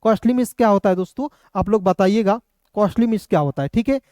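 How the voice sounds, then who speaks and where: A man's voice: sits high, quick pace, darkish tone, no room sound, studio quality. A man teaching English spelling to beginners, patient and repetitive, often asking his viewers questions. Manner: patient, repeats each word and asks the viewers questions.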